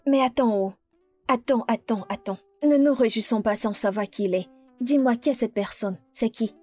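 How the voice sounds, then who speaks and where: A woman dubbing a quick-tongued, scolding young woman for a French film dub. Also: on the high side, mellow, soft background music, lightly acted. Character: sharp young woman, a remedy seller. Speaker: dubbing actress.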